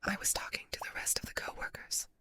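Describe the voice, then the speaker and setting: A woman reading a story aloud as ASMR in a soft unvoiced whisper, layered into a doubled whisper track. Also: fast talker. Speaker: story narrator.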